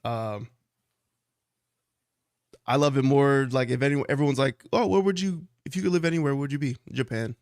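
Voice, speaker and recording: A man appearing as a guest on a podcast, talking in a relaxed, easygoing way. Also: medium pitch, moderate pace, pauses often, dry recording, studio quality. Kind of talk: casual podcast chat.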